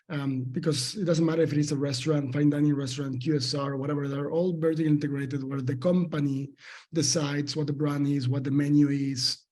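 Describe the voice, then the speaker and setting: A man with an Argentine Spanish accent speaks in a mellow, warm tone that sits a little high for a man. He answers interview questions with care, pausing on fillers and restarting his phrases. Spanish is his first language. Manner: thoughtful, with many fillers and restarts. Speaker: company founder and CEO.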